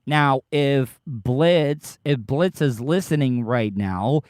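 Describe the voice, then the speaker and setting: Guy on a livestream talking slow, kinda slurred like he's got a lip full of dip, defensive and cussing, smooth tone. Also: medium pitch, darkish tone, dry recording, studio quality. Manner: halting, defensive, profane. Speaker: podcast livestream host. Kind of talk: casual livestream chat, answering live commenters.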